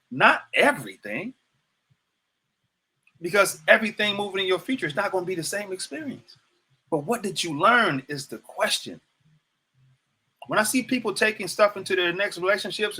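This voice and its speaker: Bright-voiced man in his fifties, preacherly. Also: fairly high pitch, breathy edge. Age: 50s. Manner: preacherly, repeats phrases, addresses viewers directly. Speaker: host. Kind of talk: livestreamed motivational talk.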